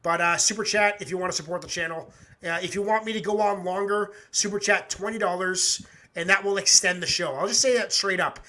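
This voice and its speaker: A man's voice: high voice, fairly even intonation, a little fast, pushed and bright. A man hosting a live music reaction stream, chatting casually in a rambling, laid-back way and swearing constantly. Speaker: podcast host reacting to music.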